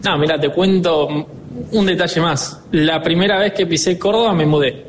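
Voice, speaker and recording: Speaking with an Argentine Spanish accent, a twenties-aged man plays a dealership director in an interview, earnest and upbeat, with frequent filler pauses. His voice is a little high, and slight background noise can be heard.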